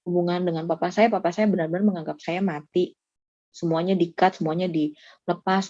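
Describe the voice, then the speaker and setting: A woman in church ministry recounts her personal testimony, earnest and emotional, pausing often between thoughts. Her voice is mellow and warm. The recording is dry and a little muffled. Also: lowish voice, dry recording. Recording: slightly dull lo-fi, dry sound.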